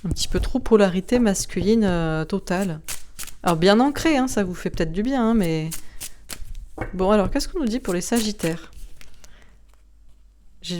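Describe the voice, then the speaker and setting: A woman's voice: medium pitch, mellow. A woman giving a casual astrology and tarot reading to camera, chatty and rambling, laughing often and using slang. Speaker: tarot card reader.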